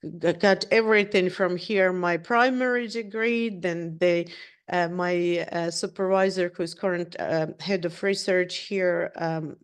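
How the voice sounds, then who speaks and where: A middle-aged woman from Ukraine, not an English speaker, giving a halting presentation on a video call with many fillers and restarts. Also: fairly low pitch, fairly even intonation, clear, resonant tone. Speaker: researcher presenting at an online event.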